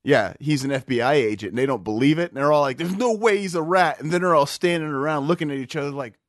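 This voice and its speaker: A man's voice: medium pitch, fast talker, dry recording, clean studio sound. A man co-hosting a podcast, rambling and swearing in casual chat, a bit drunk, with lots of restarts. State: tipsy. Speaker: podcast co-host.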